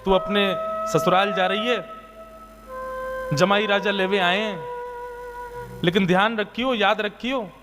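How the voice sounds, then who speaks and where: A man's voice: high voice, steady tone, unhurried, long pauses, over music. A man voicing a worried, earnest mother who admonishes and warns her daughter, in a devotional story. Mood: warning. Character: Madhavi's mother, worried, earnest older woman.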